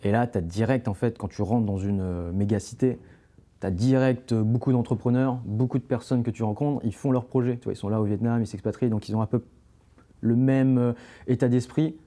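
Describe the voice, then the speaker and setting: Dark-voiced young man, rambling. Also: mid-range voice, fairly even intonation, fairly quick. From France. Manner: rambling, many "euh" fillers and restarts. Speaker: interview guest, climbing brand founder. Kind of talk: casual podcast conversation.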